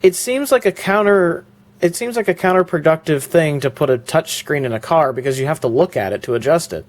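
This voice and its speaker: In a casual product walkthrough vlog, a man with a fairly high, expressive voice talks briskly through his car stereo, rambling loosely with plenty of fillers and restarts. He starts indoors and then goes out to sit in the parked car.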